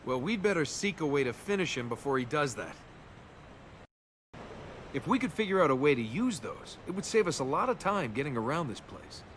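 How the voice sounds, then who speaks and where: In this game capture, a male actor voices a cocky, wry young adventurer with a casual, sardonic manner, delivering natural video game character acting. His voice is sing-song, a little fast and a bit bright, over rumbling ambient noise.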